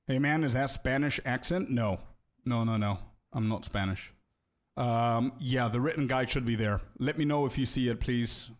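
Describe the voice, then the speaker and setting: A young man streams a video game and chats casually with his viewers, answering them in a loose, friendly way. He keeps calling them bro and repeats words while thinking aloud, his mid-range voice moving at a normal speed.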